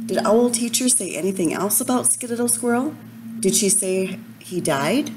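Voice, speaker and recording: A woman's voice: medium pitch, expressive, normal speed, noisy background, close to an everyday voice. A woman voicing a small young boy raccoon cub who asks plaintive questions. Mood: upset.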